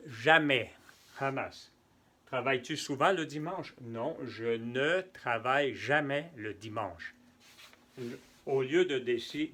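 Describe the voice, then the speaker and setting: Male tutor for a bilingual French lesson; unhurried delivery, bright voice. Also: mid-range voice. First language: neither French nor Spanish. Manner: slow, patient, repeats examples and translates into Spanish. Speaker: French teacher.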